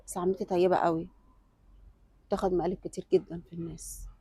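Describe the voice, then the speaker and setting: A young woman with an Egyptian accent playing a young woman who tests a suitor, pleading at first and then calm and self-assured. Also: fairly low pitch, fast talker, slightly rough. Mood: confident. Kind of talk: web sketch acting.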